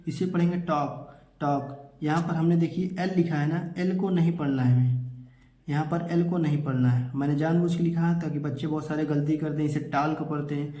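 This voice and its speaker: A man's voice: a little high, steady tone, a little fast, mellow, reverberant. A man teaching English pronunciation rules to children, repeating each rule and answering his own questions. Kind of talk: classroom-style lesson.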